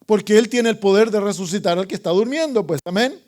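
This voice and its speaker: A fast-talking man with a high voice gives an evangelistic sermon as pastor. It's dramatic, swinging from loud calls to hushed asides, and he asks the congregation questions and calls for amens.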